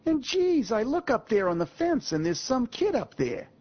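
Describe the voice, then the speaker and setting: A man putting on the voice of an excited young boy next door, with a Boston accent and a breathless, high manner. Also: normal speed, husky, heavily acted. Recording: muffled lo-fi audio.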